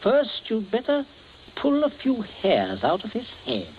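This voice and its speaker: A scheming, gun-holding father with a coldly cheerful, suave manner. His voice sits a little high and swoops with lively pitch. It's a dull old radio recording with a faint hiss behind it. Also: a little slow, heavily acted. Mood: menacing. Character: scheming, menacing middle-aged father with gun. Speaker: radio drama actor. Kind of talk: 1940s radio acting.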